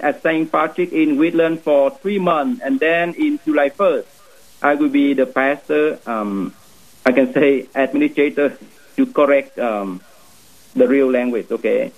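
A man's voice: fairly high pitch, slow pace, narrow, tinny audio. A man in his thirties from Vietnam, a priest speaking English with a Vietnamese accent, earnestly telling his vocation story.

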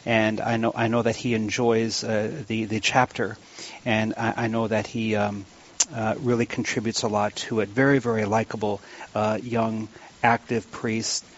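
A middle-aged man hosting a live radio round-table interview, animated and repeating his words for emphasis. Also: on the low side, moderate pace. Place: live remote broadcast from a church. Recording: dull band-limited radio sound.

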